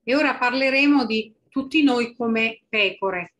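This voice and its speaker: A woman's voice: on the high side, unhurried, a bit bright. A woman interpreting a sermon phrase by phrase, with small restarts.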